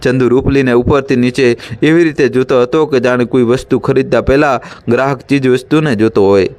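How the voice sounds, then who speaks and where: Give me a man narrating a story in a steady, measured voice at an average pitch.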